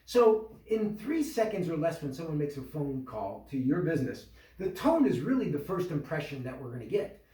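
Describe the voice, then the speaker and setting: A man giving an instructional talk to a small business group, animated and full of questions, acting out tones of voice. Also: fairly high pitch, normal speed, far from the mic. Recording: echoey room, voice from off the mic.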